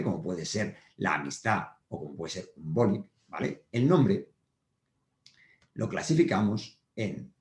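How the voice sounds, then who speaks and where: Guy from teaching kids grammar, lowish voice, patient, keeps checking in, echoey room. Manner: patient, repeats points with frequent check-ins. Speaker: primary school teacher. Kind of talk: whiteboard grammar lesson for children. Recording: roomy echo.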